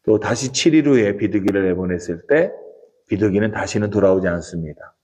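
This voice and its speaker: Man preaching a measured sermon. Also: fairly low pitch, expressive, mellow. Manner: measured, earnest preaching cadence. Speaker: pastor. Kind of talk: dawn prayer sermon. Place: church sanctuary.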